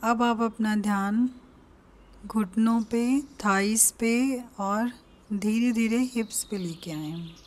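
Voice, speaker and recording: Her voice is a little high, and she has an Indian accent as she leads a guided meditation. She offers gentle, calm directions with lengthy pauses in between.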